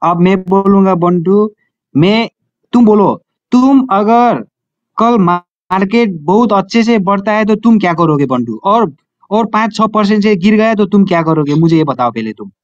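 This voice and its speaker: A high-voiced man banters playfully, sounding whiny, teasing and a little defensive. His voice comes over an online audio room, and the sound is dry, close and lo-fi. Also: animated, a little slow, no room sound. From Nepal. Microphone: own device in an online audio room.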